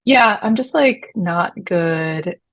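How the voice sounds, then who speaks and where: Speaking slowly with lively intonation and a lowish voice, this early-forties Dallas woman, a touring production coordinator, is a guest in a casual interview. She's joking and self-deprecating, talking out of the side of her mouth, on a dry recording.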